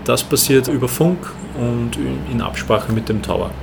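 A man with an Austrian accent giving measured, explanatory interview answers as a ground handling manager. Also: mid-range voice, creaky, noisy background.

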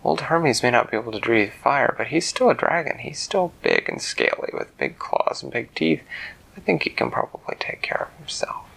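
A man voicing an easygoing male dragon in a relaxed, reassuring tone. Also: mid-range voice, moderate pace, gravelly, slightly rough, in a whisper, full character voice, low-quality recording.

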